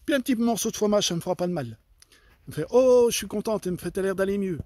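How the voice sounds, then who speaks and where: This is a man telling his own faith testimony to listeners, earnest and fervent. His voice sits high for a man, and he often stops, restarts and repeats words. The sound is close and dry, with no room around it. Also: fast talker, darkish tone, no echo. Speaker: church member giving a testimony. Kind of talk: personal faith testimony told to an audience.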